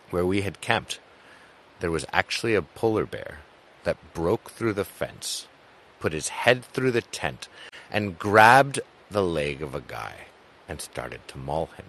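A man hosting a podcast, telling outdoor adventure anecdotes in a casual way, with loud excited bursts and quiet trailing endings. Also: sits low, measured pace. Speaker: podcast host.

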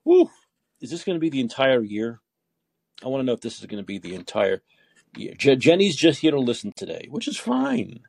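Male call-in host, gravelly husky voice, loose rambling delivery, dry close mic. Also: medium pitch, big pitch swings, fairly quick, darkish tone, dry recording. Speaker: podcast host. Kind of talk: call-in talk show.

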